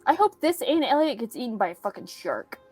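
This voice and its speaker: A woman's voice: a little high, sing-song, brisk, a little mellow, husky, soft background music. A woman hosting a book channel, reacting to a movie adaptation with exasperated, swearing commentary, a bit tipsy from whiskey, over a video call.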